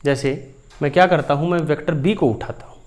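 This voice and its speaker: A man's voice: fairly high pitch, brisk, a little mellow. A man teaching a physics lesson, explaining step by step while drawing and calling his students dear children. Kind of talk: whiteboard lesson.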